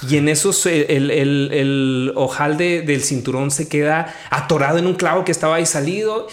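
A man, hosting a devotional podcast and telling a personal faith story in a lively conversational way. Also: on the high side, moderate pace. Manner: animated storytelling, quotes his own prayers. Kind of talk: conversational testimony.

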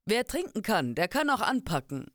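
A woman's voice: medium pitch, sing-song, normal speed, fairly bright tone, no room sound. Give me a woman playing a blunt, hard-drinking fighter man for a storybook, dry close sound. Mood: gruff.

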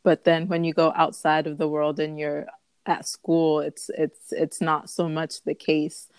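Low-voiced woman, smooth and close. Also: monotone, measured pace, no room sound. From United States. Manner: thoughtful, many ums. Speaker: business founder, guest. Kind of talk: conversational interview.

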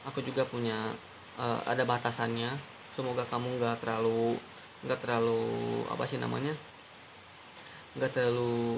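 Male podcast host, sincere stop-start monologue, monotone delivery, hissy recording. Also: mid-range voice, creaky. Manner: halting, earnest, repeats phrases and restarts often. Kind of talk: personal monologue addressed to his girlfriend. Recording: steady hiss behind the voice.

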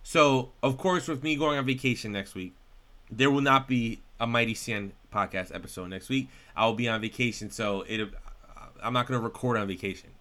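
A man co-hosting a podcast in casual chat, excitable and rambling, swearing often. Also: medium pitch, normal speed. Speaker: podcast co-host.

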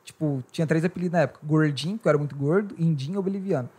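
Young male Brazilian podcast co-host, rapid, slightly high-pitched, sweary street slang, informal. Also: a little mellow, breathy edge. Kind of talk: casual chat.

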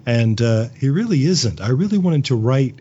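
A writer and voice actor of audio dramas, interviewed as a guest, speaks thoughtfully and conversationally, acting out imagined lines as he explains. His medium-pitched voice is mellow with lively intonation at normal speed, on a muffled recording with a little hiss or hum.

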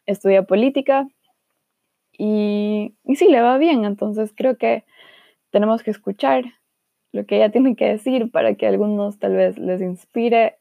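A woman's voice: medium pitch, vocal fry, no echo, phone-quality sound. A young woman from Ecuador hosting a casual podcast, talking reflectively with fillers about living on her own as a student. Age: young adult. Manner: reflective, talks with many fillers. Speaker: podcast host. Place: Germany.

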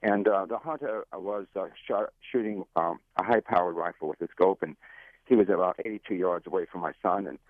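A middle-aged or older man phoning a radio show, speaking earnestly and haltingly. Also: low voice, no echo. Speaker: radio phone-in caller. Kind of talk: unscripted call-in comment. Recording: narrow, tinny phone line.

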